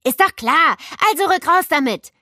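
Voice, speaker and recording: Woman playing a loud, insistent schoolboy. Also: a little high, expressive, moderate pace, no room sound, studio quality, voice pushed up. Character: impatient schoolboy, a bit dramatic.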